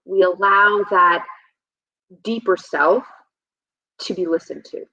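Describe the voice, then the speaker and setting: A woman's voice: on the low side, steady tone, takes it slowly, sharp tone. Chatty woman health coach, lo-fi. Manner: reflective, rambling with many ums. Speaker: health and nutrition coach, guest. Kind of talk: casual conversational interview. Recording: slightly dull, lo-fi sound.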